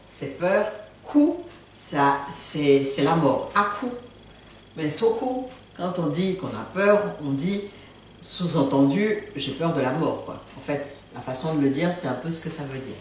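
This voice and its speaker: A woman with a low, lively voice gives a relaxed language lesson, playful and joking, repeating words for her learners. She sits some way from the mic in a strongly echoing room, with faint noise underneath. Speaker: language teacher. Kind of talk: casual video lesson. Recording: very echoey room, far from mic.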